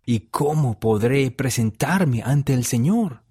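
A man's voice: medium pitch, expressive, dark tone, breathy edge, dry recording, studio quality, voice pushed up. Anguished remorseful young husband in an audio story, raised and strained, voiced by a male narrator. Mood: despairing. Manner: crying out in despair, slow pleading.

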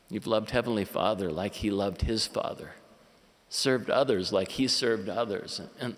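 A man giving an earnest, measured sermon as a church leader at a conference. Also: lowish voice. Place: large conference hall. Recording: long reverb of a large hall.

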